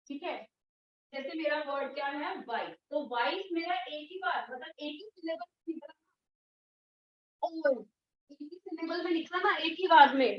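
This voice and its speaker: A woman teaching English grammar in an online class, patient, repeating and drilling words slowly. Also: high-pitched, roomy sound, distant mic, muffled recording, slight background noise. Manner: firm when scolding students.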